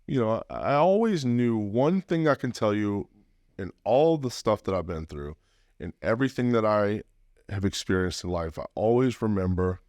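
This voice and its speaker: A man's voice: on the low side, darkish tone, no room sound, studio quality. A man from Louisiana, a podcast guest, telling his life story in an earnest, heartfelt, reflective way. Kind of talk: personal storytelling interview.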